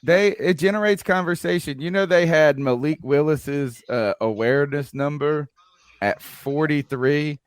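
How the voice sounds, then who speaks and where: A man's voice: fairly high pitch, a little slow, smooth, no echo. Dry-voiced man hosting a loose podcast. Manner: loose, joking, rambling with fillers. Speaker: podcast host. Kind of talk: casual chat.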